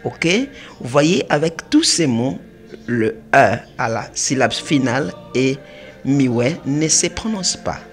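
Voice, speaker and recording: A man teaching French spelling, reading words slowly and spelling out syllables, with faint music behind him. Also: mid-range voice, animated. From Congo (DRC). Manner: spells out syllables, slow and emphatic. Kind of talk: slow, deliberate French reading lesson.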